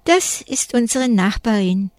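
A defiant schoolgirl with a bright, raised voice, put on by a woman reading a storybook. She talks back stubbornly and stands firm, and the sound is dry and close. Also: fairly high pitch, lively intonation, measured pace, no room sound. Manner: stubborn, indignant. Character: defiant schoolgirl with a big dog.

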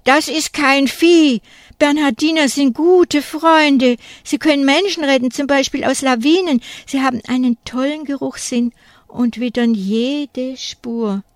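A woman's voice: on the high side, expressive, measured pace, no room sound. A woman reading a children's story aloud, voicing a stubborn, indignant schoolgirl in a dry, close voice. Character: defiant schoolgirl with a big dog.

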